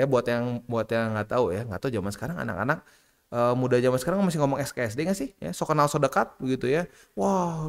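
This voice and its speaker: A man from Indonesia, giving casual, slangy commentary over market charts. His delivery is chatty and animated, and his pitch jumps up when he acts out the people he quotes.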